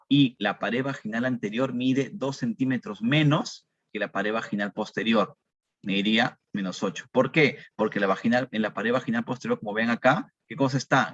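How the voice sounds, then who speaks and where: Low-voiced man giving a medical lecture. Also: a bit bright, dry recording. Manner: explanatory, repeats key numbers, asks and answers own questions. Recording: dull dry lecture recording.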